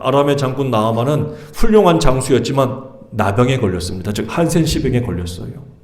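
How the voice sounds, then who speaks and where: A man's voice: on the high side, darkish tone, roomy sound. A male pastor preaching a sermon in Korean, retelling a story dramatically and firing off rhetorical questions. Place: church sanctuary.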